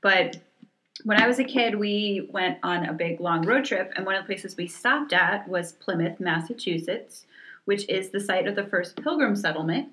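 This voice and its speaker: A woman's voice: medium pitch, lively intonation, normal speed, sharp tone. Laughy woman cohost, playful chill podcast chat. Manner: giggly, playful. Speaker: podcast co-host. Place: coworking space.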